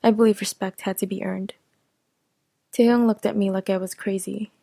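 A woman narrating a first-person audio story in an even, steady reading voice. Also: mid-range voice, moderate pace, vocal fry, dry recording.

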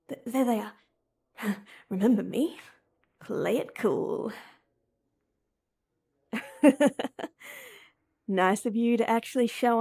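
Giddy and nervous, the character is a young woman who teases her childhood friend while keeping her crush secret, alternating whispered private thoughts with playful back-and-forth. The voice actress behind her pitches on the high side with vocal fry, a darkish, breathy tone, and a heavily acted delivery.

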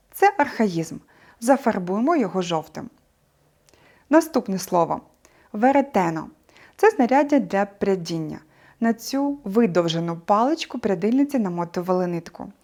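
A woman teacher presents a scripted video lesson in a clear, mid-pitched voice. She explains expressively and keeps turning to the students with rhetorical questions. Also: expressive, normal speed, darkish tone.

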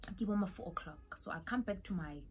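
A young South African woman tells a personal story in an animated, dramatic way, often dropping into whispered asides. Her pitch is middling, and faint noise hums in the background. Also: fast. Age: young adult. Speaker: vlogger. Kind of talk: storytime vlog.

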